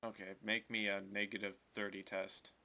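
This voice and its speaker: Man game master, low-ish voice, bright tone, halting narration, lots of fillers. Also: level tone, gravelly.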